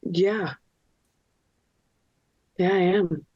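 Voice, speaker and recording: A woman playing a guarded, firm female adventurer in a tabletop fantasy game, blunt and deliberate in speech. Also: lowish voice, a little mellow, no room sound, lo-fi sound. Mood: guarded, bargaining.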